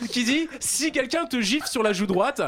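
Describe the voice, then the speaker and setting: Excitable high-voiced young Frenchman joking. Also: normal speed, slight background noise. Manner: joking, excitable, laughing often, stumbling restarts. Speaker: comedy show columnist. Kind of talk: comic news column on a group show.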